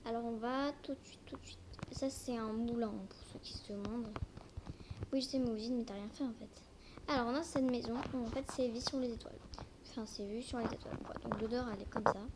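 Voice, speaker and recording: High-voiced young female with braces, noisy recording. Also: steady tone, brisk. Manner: talks with braces, slightly impeded articulation. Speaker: amateur video creator. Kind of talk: casual hesitant gameplay presentation. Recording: noisy homemade recording with clicks.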